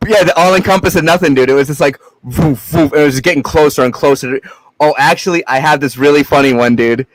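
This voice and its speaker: A young adult man from Massachusetts, guesting on a podcast, chats casually in a loose, rambling style packed with swearing and fillers. His voice is a little high and fast, and the recording is dry and rough.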